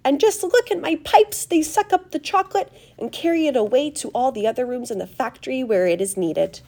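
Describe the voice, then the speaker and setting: Woman voicing an eccentric chocolate maker, gushing, showy, swooping up and down, high-set for a man. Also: animated, a little fast, darkish tone.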